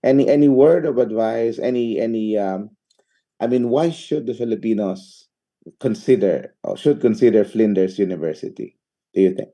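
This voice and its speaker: Halting man with a dark voice. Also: fairly low pitch. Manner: halting, many uhs and repeated words. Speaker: interview host. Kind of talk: hesitant interview questions.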